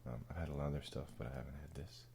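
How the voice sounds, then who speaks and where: A man with an exceptionally deep, hushed voice full of gravelly creak. He rambles softly and casually as an ASMR host, halting and slangy. A faint-to-clear hiss sits behind him. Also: fairly even intonation. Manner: laid-back, halting, slangy and profane. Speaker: ASMR video creator and host. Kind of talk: soft-spoken ASMR, casual rambling chat.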